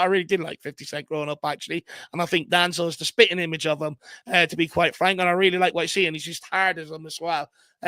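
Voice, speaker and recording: A man's voice: fairly high pitch, bright, forceful tone, no echo. A man hosting a casual football live stream. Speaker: host.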